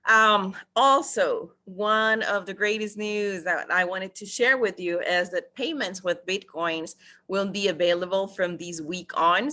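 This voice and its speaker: Upbeat woman, bright voice. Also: fairly low pitch. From Costa Rica. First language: Spanish. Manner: upbeat, addresses listeners as guys, many fillers. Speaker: project promoter. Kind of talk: enthusiastic presentation.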